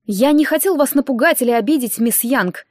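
A woman's voice: a little high, lively intonation, normal speed, a little mellow, no echo, clean studio sound, natural voice. A woman voicing a kindly, puzzled middle-aged male doctor who fumbles through hesitant explanations.

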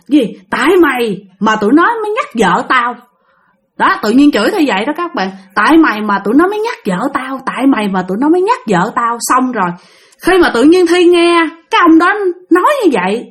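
A woman telling a spooky first-person story to her listeners, exclaiming often and calling herself by name. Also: a little high. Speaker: storyteller of spiritual experiences.

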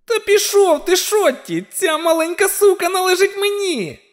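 A man voicing a spiteful, gloating bald dwarf villain with a shrill, jeering voice in an audiobook. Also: lively intonation, normal speed.

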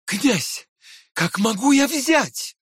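A man's voice: very high-pitched, extremely slow, husky, no echo, studio quality, voice pushed up, full character voice. A man reading aloud and voicing a proud, hot-tempered young man who argues with indignant urgency. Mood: emotional, pleading. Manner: excited, indignant pleading.

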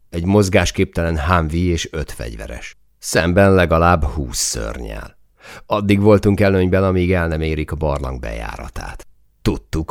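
Deep gravelly man narrating an audiobook. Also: no room sound, studio quality. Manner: tense, rising to shouted lines in dialogue. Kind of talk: first-person audiobook narration.

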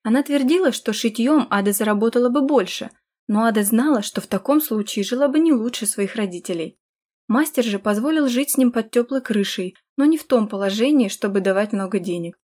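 A woman's voice: fairly high pitch, brisk, darkish tone. Woman narrating a fantasy audiobook.

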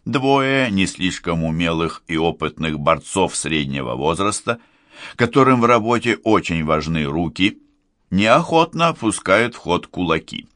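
A man narrates a novel in a deep, low voice. His intonation moves a lot, and his reading is expressive. The recording is dry and close, with no room sound. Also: measured pace, no echo. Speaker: audiobook narrator.

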